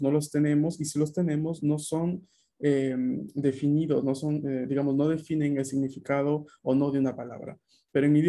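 Patient male teacher with a dark voice. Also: mid-range voice. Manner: patient, explanatory, frequent tag questions. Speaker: language teacher. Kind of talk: online class explanation. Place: online video class.

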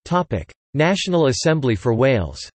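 A computer-generated man reads an encyclopedia article aloud at an even, steady clip. His voice sits at a middling pitch and the sound is bone-dry, with no room around it. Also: normal speed, no echo. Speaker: text-to-speech reader. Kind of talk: synthetic article narration.

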